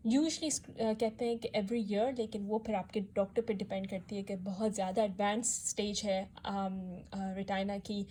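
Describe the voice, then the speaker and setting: A woman physician giving a health education talk, explaining step by step with frequent pauses and fillers, mixing in English terms. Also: mid-range voice, mellow, slight background noise.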